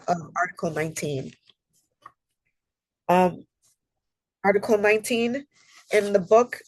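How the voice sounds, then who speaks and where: Still a little nasal from a cold, a woman working as a human rights consultant presents to an online library audience via video call. Her mid-range voice has a darkish tone, and the audio is poor with no room sound. She's earnest and chatty, sharing personal stories amid plenty of ums.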